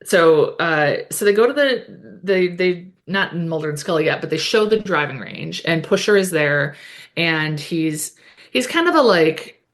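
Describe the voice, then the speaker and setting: A woman's voice: deep voice, animated, measured pace. A woman co-hosting a podcast, recapping a TV episode in casual chat full of fillers and self-corrections. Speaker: podcast co-host.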